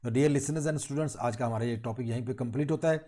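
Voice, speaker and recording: A middle-aged man from Pakistan giving a recorded college lecture, reading out lists of terms in a measured teaching tone. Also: medium pitch, mellow.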